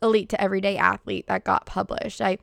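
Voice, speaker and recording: A woman's voice: medium pitch, level tone, fast, gravelly, fairly bright tone, no echo, studio quality. A young woman with a Boston accent hosting a podcast, talking casually in an informal, chatty, peppy manner. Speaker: podcast host. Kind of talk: casual solo podcast talk.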